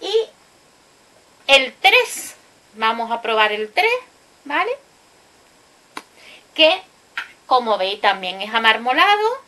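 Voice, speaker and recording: A woman's voice: high voice, bright, forceful tone. A woman vlogger talking casually as she swatches and reviews makeup shades, chatty and explaining, with lots of little check-in questions. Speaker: beauty vlogger. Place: indoors at home, recorded late at night.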